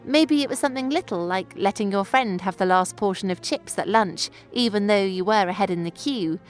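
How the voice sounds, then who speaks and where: A woman, explaining a poem clearly and engagingly in a scripted tutorial. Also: medium pitch, a little fast, faint music behind. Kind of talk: scripted educational narration.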